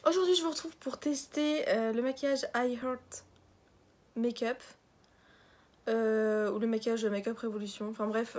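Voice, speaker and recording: A woman's voice: a little high, darkish tone, slight background noise. Chatty young woman reviewing makeup. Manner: chatty, rambling, self-mocking. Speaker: beauty vlogger. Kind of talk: casual makeup review vlog.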